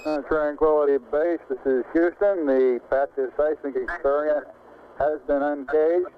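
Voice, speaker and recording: An American man working as capsule communicator, making measured, formal astronaut radio calls in procedural language. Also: on the high side, steady tone. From United States. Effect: radio transmission. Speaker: mission control capsule communicator. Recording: phone-like radio link with faint noise.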